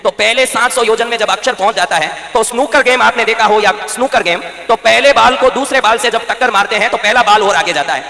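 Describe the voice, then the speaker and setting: Man, preacher, sermon to a crowd, commanding, bright voice, echoey room. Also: high voice, fairly quick, vocal fry, few pauses. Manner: rhetorical questions to the audience, commanding. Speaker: spiritual preacher. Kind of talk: sermon to a live audience. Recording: echoey hall reverb.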